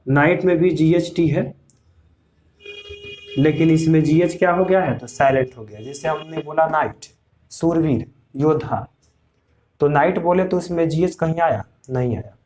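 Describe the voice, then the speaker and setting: A male teacher explains slowly and patiently, going over each point again and again. He keeps asking his students questions, and his voice sits a little high for a man. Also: warm tone. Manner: slow, repetitive explaining with quiz questions to students. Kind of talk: classroom lesson.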